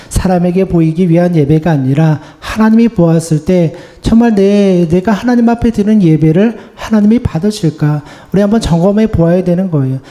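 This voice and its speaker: Male pastor, high mellow voice, earnest conversational sermon delivery. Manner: earnest, conversational preaching with repeated "거예요" endings. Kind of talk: Sunday sermon. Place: church sanctuary.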